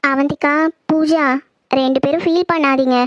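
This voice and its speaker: A woman voicing a calm, reassuring young relative. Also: sits high, moderate pace, no room sound, highs cut off, natural voice.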